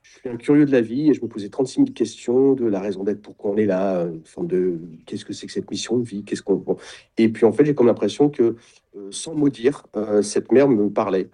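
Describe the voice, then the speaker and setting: A middle-aged man, a guest in an interview, talking in a reflective way and often pausing to search for words. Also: on the low side, warm tone. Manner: describes himself as introverted. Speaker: guest, sailing retreat founder. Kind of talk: casual interview talk.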